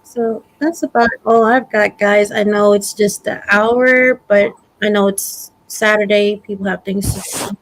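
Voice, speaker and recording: A woman's voice: medium pitch, steady tone, unhurried, hardly any pauses, rough recording. A woman with a Brooklyn accent hosting a casual livestream, chatting in a giggly, easygoing way. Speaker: host of a live prepping stream.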